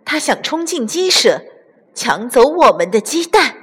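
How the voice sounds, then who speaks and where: A woman's voice: high voice, very animated, measured pace, fairly bright tone, breathy edge, voice pushed up, heavily acted. A woman as a wise mother hen. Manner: explaining, reassuring. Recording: long reverb.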